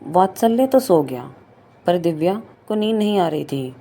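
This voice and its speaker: A woman narrating an emotional family story in a calm, even storytelling manner. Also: on the low side, normal speed. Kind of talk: scripted narration.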